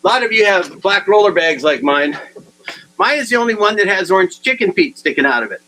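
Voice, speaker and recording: A man giving a humorous keynote talk, telling funny anecdotes in an animated way and chuckling at his own stories. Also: high voice, brisk, rough recording. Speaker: humor speaker. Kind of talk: comic keynote storytelling.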